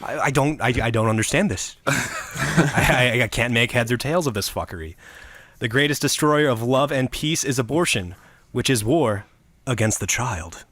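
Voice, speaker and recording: A man's voice: mid-range voice, expressive, moderate pace, fairly bright tone, no echo. Crude storytelling podcast host man. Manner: crude, mock-dramatic storyteller.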